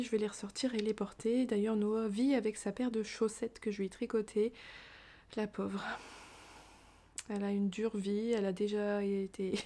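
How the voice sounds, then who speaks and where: A woman chatting casually about her knitting projects, rambling with fillers and restarts. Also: mid-range voice. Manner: hushed, half-whispered talk. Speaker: knitting vlogger. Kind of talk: casual chat.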